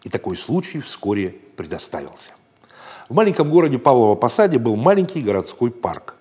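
A man reading a children's story aloud in a gentle, playful storytelling manner, raising his voice for the shouted lines. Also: medium pitch, sing-song, fairly quick, slightly rough. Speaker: narrator.

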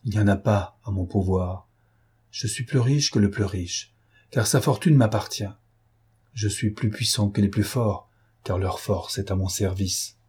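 A man's voice: lowish voice, measured pace, a little mellow, slightly rough. A man reading an audiobook voices a proud, domineering noble master who speaks with emphatic irony. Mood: imperious. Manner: emphatic, ironic, imperious.

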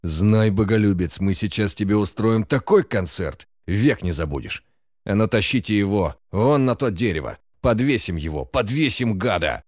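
A man voicing a drunk, brutal man leading a lynch mob, shouting and cursing in a menacing way. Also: fairly low pitch, animated, a little slow, no echo, clean studio sound. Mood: furious. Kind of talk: audiobook character voice.

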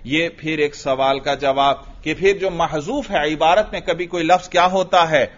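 Man teaching, muffled old lecture tape. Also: fairly high pitch. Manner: asks questions and repeats the answers; chants Arabic text in a melodic recitation. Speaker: religious teacher. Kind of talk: classroom lecture on Arabic grammar and logic.

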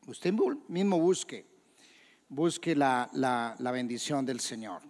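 A man preaching a sermon as pastor in a church, questioning the congregation and shouting quoted scripture. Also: medium pitch, expressive, takes it slowly, big-room sound. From Colombia. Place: church hall.

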